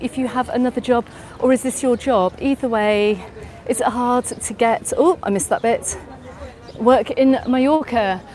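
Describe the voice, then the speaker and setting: This middle-aged English travel vlogger speaks with an English accent in a voice that sits high and sounds a little mellow. She's on a busy beach promenade at dusk giving a live walking tour and replying to viewers, her outdoor stream catching crowd chatter and passing traffic.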